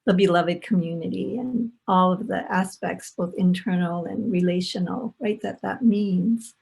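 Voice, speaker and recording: Gravelly, husky woman panelist. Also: on the low side, unhurried, a little mellow. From Los Angeles, United States. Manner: reflective, repeats words, asks rhetorical "right?". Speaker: panelist, former professor. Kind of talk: panel discussion. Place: home, remote video call.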